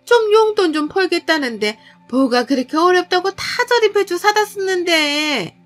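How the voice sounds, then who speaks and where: A woman voicing a domineering older mother-in-law who berates her daughter-in-law with shrill contempt. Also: animated, moderate pace, faint music behind. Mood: scolding.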